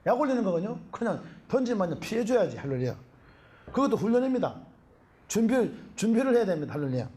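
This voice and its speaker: A middle-aged Korean pastor, preaching a sermon in an animated way and often calling out hallelujah. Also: male voice, high-pitched, fast talker.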